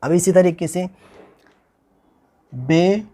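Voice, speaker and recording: A man hosting his own channel, giving an informal spoken lesson, explaining step by step and slowly repeating spelled-out letters. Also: on the high side, lively intonation, a little mellow. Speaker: teacher and channel host.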